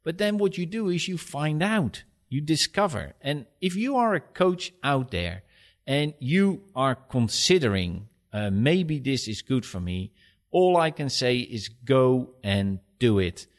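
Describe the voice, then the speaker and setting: A man's voice: a little high, sing-song, unhurried. Dutch-accented man, direct and instructive. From Netherlands. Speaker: podcast guest. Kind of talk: conversational interview.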